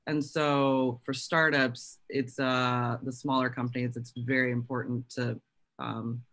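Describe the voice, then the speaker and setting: Middle-aged comms lead on a panel; bright tone, sociable delivery. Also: mid-range voice, little pitch movement, measured pace. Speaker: communications head, panelist. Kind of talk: panel introduction.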